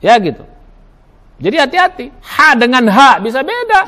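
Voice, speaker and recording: A man's voice: very high-pitched, wildly swooping pitch, normal speed, bright, forceful tone. A man preaching a Ramadan sermon in a mosque, emphatic, spelling out Arabic letters and sounds, asking questions and answering them himself. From Indonesia. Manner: asks and answers his own questions.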